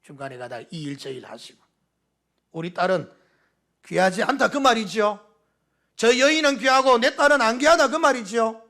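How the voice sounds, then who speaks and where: A male pastor with a Gyeongsang accent preaching a Sunday sermon, swinging between loud appeals and hushed whispers. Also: very high voice, expressive, moderate pace, long pauses.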